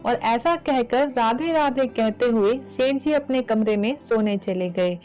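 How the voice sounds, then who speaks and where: Female host narrating a devotional tale, earnest and direct, higher-pitched, soft music under. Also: a little slow, low-quality recording. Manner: earnest, addresses listeners. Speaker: storyteller, channel host.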